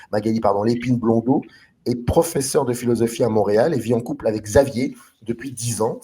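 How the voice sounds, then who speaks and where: A man's voice: medium pitch, a little mellow. A man hosting a film discussion show in a casual, hesitant way, with lots of fillers and restarts as he introduces guests and films.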